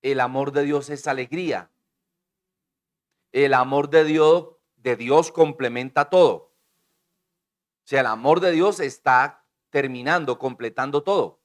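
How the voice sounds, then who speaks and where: A man preaching a sermon to his congregation, swinging between booming declarations and hushed asides and calling on the listeners to repeat his words. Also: a little slow, long pauses. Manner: calls on the congregation to repeat and respond. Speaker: pastor.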